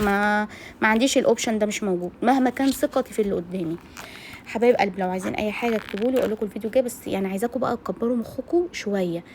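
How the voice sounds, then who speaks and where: Direct, quick-fire Egyptian woman vlogging. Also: fairly high pitch, darkish tone, a little hiss or hum. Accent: Egyptian Arabic. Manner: rapid, outspoken, talks straight to female viewers. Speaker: cooking vlogger. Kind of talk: casual chat while cooking.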